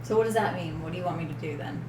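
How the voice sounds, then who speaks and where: A woman's voice: lowish voice, very fast. A woman chatting casually as a player at a tabletop role-playing game. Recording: echoey room with background noise.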